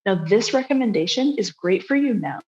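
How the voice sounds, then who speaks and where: A woman's voice: medium pitch, expressive, a little fast, darkish tone. Woman, workshop presenter, encouraging, chatty, slightly dull lo-fi audio. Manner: friendly, encouraging, conversational with fillers. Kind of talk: live online workshop talk.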